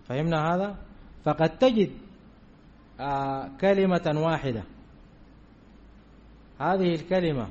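A man's voice: on the high side, a little mellow, slight background noise. A man teaching a grammar lesson, repeating key terms and often checking that his students understand. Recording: dull lo-fi recording.

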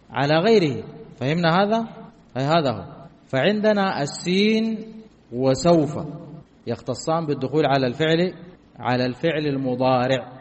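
A man's voice: fairly high pitch, big-room sound, dull audio. Male teacher quizzing his class. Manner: asks the class questions and answers them himself, repeats key phrases. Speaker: grammar teacher. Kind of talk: classroom lesson explaining grammar.

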